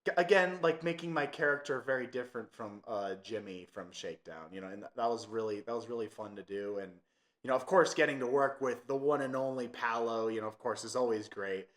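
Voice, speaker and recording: A man's voice: medium pitch, fairly quick, fairly bright tone. A young man hosting a podcast, chatting casually with lots of fillers. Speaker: podcast host. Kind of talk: casual chat.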